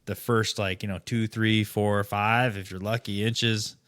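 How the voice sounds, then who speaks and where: A man chatting casually on a podcast with a bright, forceful voice, cursing freely and laughing as he tells stories. His voice jumps up high when he quotes himself. The sound is close and dry. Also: flat delivery, measured pace, dry recording. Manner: profane, laughing storyteller, voice jumps up when quoting. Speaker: podcast co-host. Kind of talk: casual chat.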